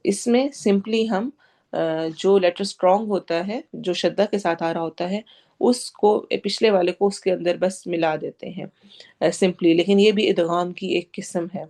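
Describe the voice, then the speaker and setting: A woman with a Pakistani Urdu accent teaching tajweed, going word by word and slowly drawing out each recited word. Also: on the low side, fairly even intonation, dark tone. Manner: explains pronunciation patiently, drawing out recited words slowly; mixes English words into Urdu explanations.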